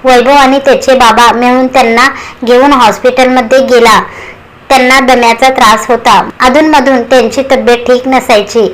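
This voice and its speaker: A woman reading a romantic drama story aloud in an expressive, dramatic way. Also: sits high, moderate pace, rough recording. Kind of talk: scripted story narration.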